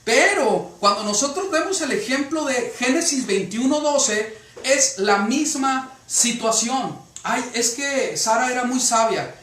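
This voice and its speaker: Guy preaching to his congregation, really high voice, recorded from far off in an echoey hall. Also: expressive, measured pace, a bit bright. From Mexico. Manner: frequent rhetorical questions to the congregation. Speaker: pastor. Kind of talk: sermon. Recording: echoey room from a distance.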